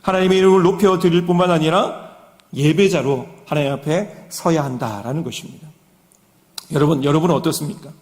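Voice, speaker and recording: Earnest pastor preaching in a reverberant hall. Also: male voice, fairly high pitch, brisk, a little mellow. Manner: earnest preaching, repeated direct address to the congregation. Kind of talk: evening sermon. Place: church sanctuary. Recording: long church hall reverb.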